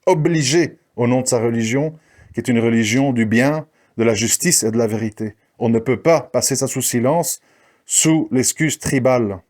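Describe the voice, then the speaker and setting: A man's voice: mid-range voice, moderate pace, a little mellow. A man delivering a combative spoken monologue, challenging his listeners and mocking the people he criticizes. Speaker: commentator. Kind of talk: ranting monologue.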